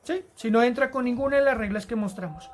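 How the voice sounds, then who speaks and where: A woman teaching an English grammar lesson to Spanish-speaking students, explaining rules patiently and repeating key words slowly. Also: on the high side. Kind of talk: recorded grammar lesson narration.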